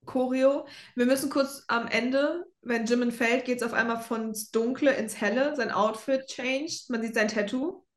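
A young woman with a fairly high voice chats casually as a podcast co-host. She mixes English words into her German as she talks. The recording is roomy, with clear echo around her voice. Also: unhurried, hardly any pauses. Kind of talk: casual fan chat. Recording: roomy, echoey sound.

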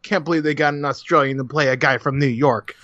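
A man's voice: on the high side, fairly even intonation, fast talker, fairly bright tone, no echo. Man, podcast co-host, blunt, profane, heated, dull lo-fi dry audio. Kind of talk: casual podcast chat.

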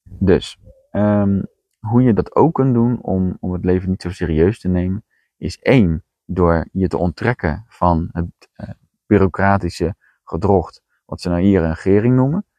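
A man with a very deep, low voice coaching listeners in a direct, no-nonsense way. His delivery is blunt and plainspoken. The sound is dry and close, with no room echo. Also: a little slow, warm tone. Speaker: podcast host and coach. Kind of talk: coaching monologue.

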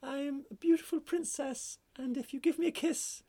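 A man putting on a squeaky, sing-song voice for a female frog who says she is a princess, while telling a joke. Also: steady tone, moderate pace, mellow. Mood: eager.

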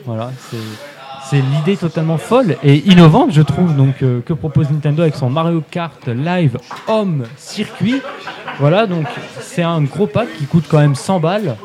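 A man talks through a gaming segment on live radio, casual and chatty with plenty of fillers and easy laughs. His voice sits a little high. A busy crowd murmurs behind him. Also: normal speed.

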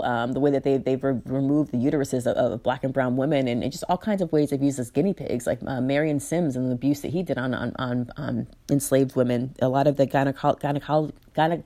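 A woman's voice: rumbling low, warm tone. A woman giving a candid personal account in an interview, blunt and emphatic, swearing freely and often restarting her sentences.

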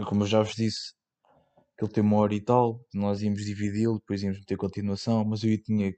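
A young man with a European Portuguese accent rambles through his solo podcast in loose slang, full of fillers and the odd swear word. His voice sits low and comes across dark and mellow. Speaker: podcast host. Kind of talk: casual solo podcast chat.

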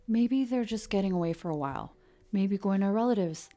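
A woman's voice: mid-range voice, animated, a little fast, pitched above the performer's own voice, natural voice. A woman reading an audiobook, voicing a stern middle-aged male sheriff who is also a weary father, firm and commanding. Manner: firm, commanding, loud when angered. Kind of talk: audiobook character voice.

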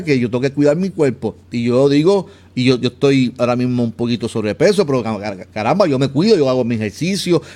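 A man's voice: a little high, darkish tone. A man giving an informal devotional sermon for his podcast, speaking to the listener directly and often stumbling and repeating words as he looks for them.

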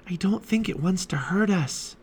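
A man voicing an eager, fearless young girl in a storybook read-aloud, speaking high, loud and excited. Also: unhurried, a little hiss or hum. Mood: soft whisper.

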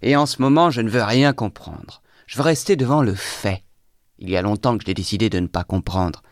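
A man's voice: on the low side, normal speed, no room sound, clean studio sound, lightly acted. A man reading as a feverish, bitter young intellectual. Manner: exalted, feverish monologue.

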